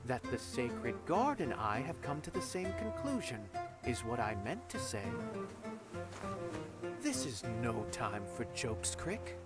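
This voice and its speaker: An actor playing a sly, composed cleric investigator in a video game, with a measured, wry, theatrical delivery. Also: male voice, mid-range voice, wildly swooping pitch, loud music behind the voice. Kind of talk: scripted video game voice acting.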